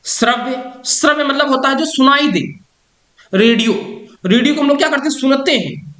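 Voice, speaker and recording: A man teaches an exam-prep lesson in a bright, forceful voice. He poses each question aloud, answers it himself and repeats the key answers slowly so they stick. The sound rings around an echoey room. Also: very high-pitched.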